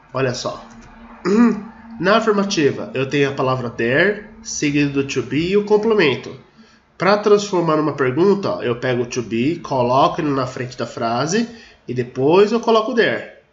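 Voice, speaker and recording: A male teacher giving a grammar lesson step by step, who reads example sentences slowly and deliberately and often says "look here" to the class. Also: fairly high pitch. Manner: explains step by step, often saying "ó" and "olha só". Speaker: English teacher. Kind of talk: video lesson explaining grammar at a board. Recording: roomy, dull sound with faint noise.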